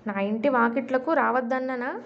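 A woman voicing a miserly old man who scolds and shouts in a raised voice, as she tells a story to a class. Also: moderate pace, creaky. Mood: furious. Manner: scolding, high-pitched shouts. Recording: dull lo-fi recording.

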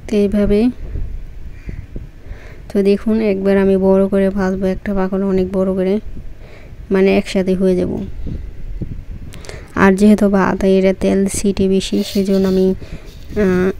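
A woman's voice: mid-range voice, monotone, moderate pace, pauses often, warm tone, a little hiss or hum. A woman casually talking viewers through a recipe as she cooks, loose and chatty, often circling back to repeat herself. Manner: chatty, loose, fillers and restarts while cooking. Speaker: cooking vlogger. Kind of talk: casual cooking demonstration.

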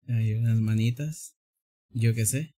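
A man's voice: medium pitch, fairly bright tone. A man streaming a drawing game, joking, exclaiming and laughing often. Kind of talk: casual gameplay commentary.

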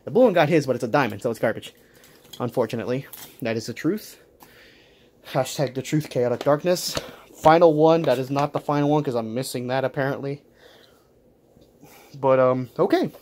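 A man chatting casually while unboxing toys, talking quickly and correcting himself as he goes. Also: medium pitch, a little mellow, a little hiss or hum. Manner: rapid, rambling, self-correcting. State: out of breath. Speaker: toy unboxing vlogger.

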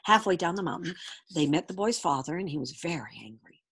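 A woman reading a picture book aloud with expressive, animated storytelling. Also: fairly low pitch, fairly quick, breathy edge. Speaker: storybook reader.

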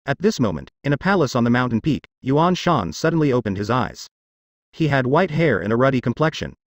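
A man narrating a fantasy audiobook in an even, steady reading. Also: medium pitch, a little fast, dry recording, studio quality.

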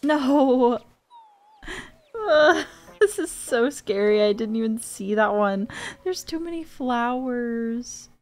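A woman's voice: a little high, takes it slowly, darkish tone. A young woman casually commenting on her gameplay, chatty and easily spooked, with gasps and giggles. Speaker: gaming streamer. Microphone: studio dynamic mic.

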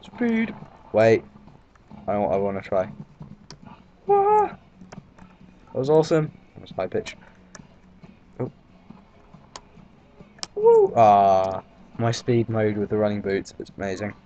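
Speaking slowly with long pauses, a British let's-play commentator rambles casually over his gameplay, swearing and leaning on fillers. His voice sits on the low side and has a dark tone. The audio comes through a dull lo-fi mic with faint background noise.

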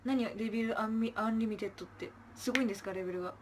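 A woman's voice: on the high side, racing, noisy background. Chirpy young woman chatting on a livestream. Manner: chirpy thanks, trailing off into soft murmurs. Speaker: idol livestreamer. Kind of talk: casual livestream chat, reading viewer comments.

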